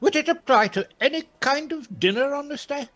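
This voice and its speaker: An actor playing a humbled old miser in a radio play, hesitant, earnest and theatrical. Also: male voice, very high-pitched, lively intonation, fairly quick, fairly bright tone, dull audio. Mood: curious. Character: humbled old male miser, anxious and eager to learn.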